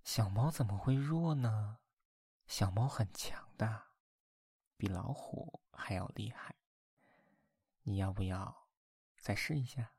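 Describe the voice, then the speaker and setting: Male actor as tender teasing boyfriend, binaural ASMR role-play: very slow, soft and mellow, intimate at the ear. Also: on the low side, breathy edge, no room sound, exaggerated voice. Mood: playful teasing. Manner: intimate binaural murmur close to the listener's ear; slow, coaxing, playful. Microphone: very close binaural microphone, dry.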